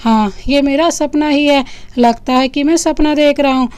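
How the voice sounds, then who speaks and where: A brash, bossy male ally from a romantic audio story, voiced by a woman narrator. The voice is high and dry, as if close to the mic. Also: fairly even intonation, moderate pace, darkish tone, no echo, close to an everyday voice. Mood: disbelieving.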